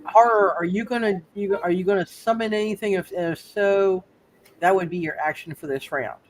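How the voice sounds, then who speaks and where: A man acts as game master for a tabletop roleplay game, speaking casually in a halting way and frequently repeating words. His voice is high, with a little hiss or hum.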